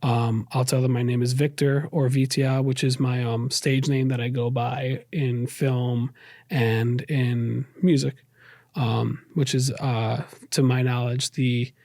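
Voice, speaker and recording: Slowly and with flat delivery, a man with a darkish, mid-range voice reflects on personal matters as an interview guest. Raised in New York and carrying its accent, he is earnest and tends to restate and rephrase his points; the recording is dry and clean.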